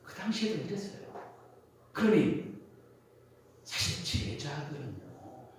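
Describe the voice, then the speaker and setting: A man's voice: fairly high pitch, sing-song, takes it slowly, a little hiss or hum. A male pastor preaching a sermon, telling stories with animation and posing questions to the congregation. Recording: echoey church hall from a distance.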